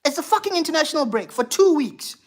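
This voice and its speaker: This football livestream host has a high, sing-song voice and talks fast. She rants heatedly and with plenty of profanity about her team, reading out viewer chat and replying to it.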